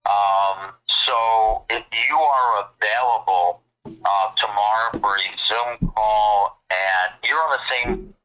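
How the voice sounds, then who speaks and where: Businesslike male caller on speakerphone, brisk, very bright tone. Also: lowish voice, clear, resonant tone, low-quality recording. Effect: heard over a phone on speakerphone. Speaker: caller, event organizer. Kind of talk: business phone call.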